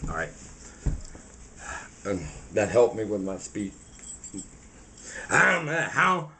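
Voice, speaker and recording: A man hosts a home cooking show, his gravelly voice dropping into quick, mumbled asides. He sounds offhand and unhurried in his remarks while he works. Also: lowish voice, very animated, very noisy. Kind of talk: casual cooking demonstration.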